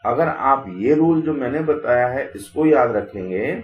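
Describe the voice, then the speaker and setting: A man's voice: mid-range voice, expressive, unhurried, echoey room, lo-fi sound. A man teaching English grammar in Hindi, explaining patiently and asking rhetorical questions. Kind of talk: Hindi classroom-style lesson.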